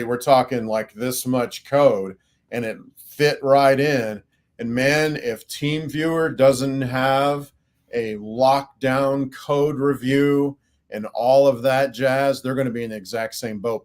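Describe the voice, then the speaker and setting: Rambling man in casual talk. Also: mid-range voice. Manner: relaxed, rambling, frequent fillers. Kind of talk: casual cybersecurity discussion.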